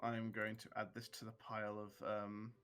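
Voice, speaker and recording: A man talking casually as a player in a tabletop game, halting and asking questions. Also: fairly low pitch, monotone, fairly bright tone, faint music behind.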